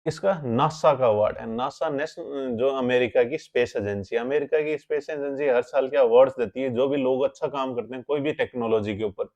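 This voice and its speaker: A man teaches a current affairs lesson to exam candidates. He works through each point step by step, keeps asking the class questions and then answers them himself. His pitch sits in a middle range. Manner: explains step by step, keeps asking rhetorical questions and checking with "theek hai?".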